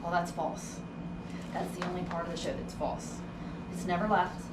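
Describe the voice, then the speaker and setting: Speaking at normal speed in a fairly low, level voice, a woman leads a ghost tour and shares its stories in a casual, conversational way. She acts out what people said, and the roomy, distant mic picks up noticeable background noise.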